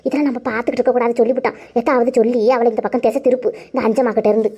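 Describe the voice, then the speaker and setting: A woman's voice: a little high, steady tone, rapid-fire, warm tone, slightly rough, muffled recording. A woman voicing a grasping, jealous middle-aged village aunt in a cartoon, scolding and wheedling. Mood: scheming. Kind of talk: cartoon voice acting.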